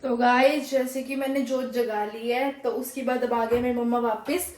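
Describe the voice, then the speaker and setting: A woman's voice: a little high, steady tone, normal speed, a little mellow, reverberant, low-quality recording. A young woman with a sore throat who chats casually to her viewers in a home vlog, mixing in English words and calling her audience guys. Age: young adult. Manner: chatty, mixes Hindi and English, addresses viewers as guys. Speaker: vlogger. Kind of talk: casual vlog narration to camera. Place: family home, kitchen and rooftop.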